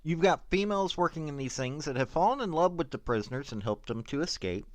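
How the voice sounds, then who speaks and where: Fast and lively, this higher-pitched man comments on prison investigations with no room sound around him. He reads passages from official reports and throws in blunt opinions and sarcastic, offhand remarks.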